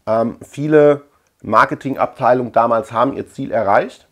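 This collector channel host, a man in his thirties, rambles casually and digressively in a small room full of shelves, thinking out loud. His voice has a medium pitch, normal speed, and a fairly bright tone.

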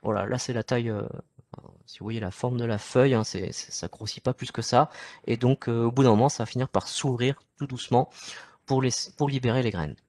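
A man's voice: medium pitch, fairly even intonation, fairly quick, darkish tone, no echo, studio quality. A man with a French accent giving an informal online nature lecture from home, chatty, with many fillers and restarts as he talks through his slides. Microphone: computer mic at home.

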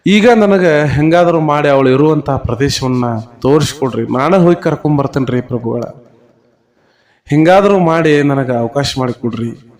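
A man's voice: a little high, moderate pace, darkish tone, natural voice. A man playing a grieving husband who begs a saint for help. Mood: pleading. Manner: pleading, emotional.

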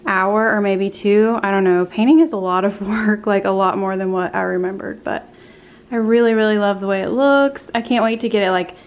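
A woman's voice: medium pitch, normal speed, clear, resonant tone, dull audio. A woman, chatting casually about a home project in a bedroom. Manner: chatty, upbeat, uses y'all. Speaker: home vlogger. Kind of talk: casual chat. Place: bedroom being painted, indoors.

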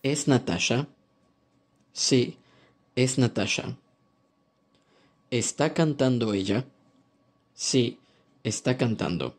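A man reading an audiobook language lesson aloud in a calm, measured instructional way. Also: medium pitch. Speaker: language course narrator. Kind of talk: scripted audiobook narration.

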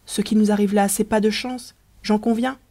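A reader voicing Riquette, a playful young woman in love, in an audiobook, with a light, eager, mellow voice. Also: mid-range voice, steady tone, moderate pace, lightly acted. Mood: consolante.

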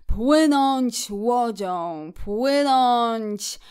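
Brief: woman reader as a dreamy, solemn river rat, expansive and unhurried. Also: fairly high pitch, a little mellow, lightly acted. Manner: grand, unhurried, savoring words. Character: dreamy, genial male water rat. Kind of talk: audiobook character voice.

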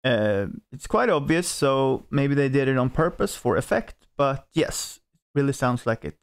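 A Swedish-accented man hosting a music reaction video, giving frank opinions in an unhurried, casual way. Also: mid-range voice, lively intonation, smooth. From Sweden.

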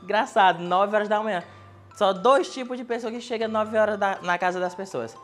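High-voiced man telling a comic story. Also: brisk, soft background music. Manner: animated, building comic tension. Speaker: stand-up comedy contestant. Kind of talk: stand-up storytelling. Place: TV studio.

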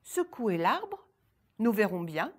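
A woman's voice: on the high side, a little slow, darkish tone, pitched above the performer's own voice. A woman storyteller voicing a brave little girl who answers boldly and proudly. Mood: defiant. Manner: clear, proud and bold.

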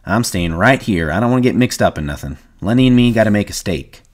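A man voicing a wary ranch worker in an audiobook, flat and curt in a low voice. He keeps his words short and guarded. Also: fast talker. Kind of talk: audiobook reading.

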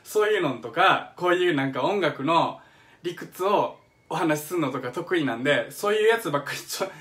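A man's voice: on the high side, animated, fairly quick, a bit bright. A middle-aged man with a Kansai accent, eagerly explaining music on a live stream from his home kitchen and reading out viewer comments. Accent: Kansai Japanese. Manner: eager, chatty explainer who hums examples and reads out viewer comments. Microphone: phone or webcam on a live stream.

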